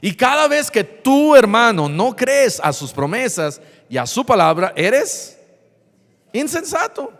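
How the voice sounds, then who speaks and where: A man, a pastor preaching an animated sermon in church who acts out dialogue. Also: high voice, measured pace, hardly any pauses, long reverb tail.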